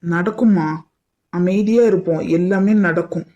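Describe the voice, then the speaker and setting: A woman's voice: on the low side, measured pace, dark tone, close to an everyday voice. Cast: woman playing an eager scheming cartoon accomplice, dull lo-fi audio. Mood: plotting.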